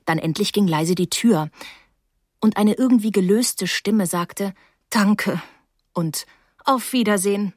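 A woman reading a first-person story aloud in a wry, even storytelling manner. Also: on the low side, no echo, clean studio sound. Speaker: audiobook narrator. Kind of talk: scripted first-person narration.

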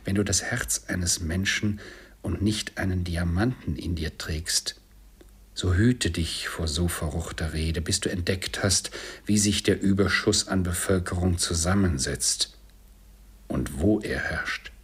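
A man voicing a solemn, stern male ghost of Christmas who speaks slowly and gravely, at times in a whisper. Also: deep voice, exaggerated voice.

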